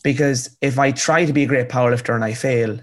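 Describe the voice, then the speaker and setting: A man's voice: mid-range voice, fairly even intonation, fast talker. A man in his twenties with a rural Irish accent, telling his story in an earnest, emphatic conversational way, repeating phrases for effect. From County Cavan, rural Ireland. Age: 20s. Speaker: interview guest, author.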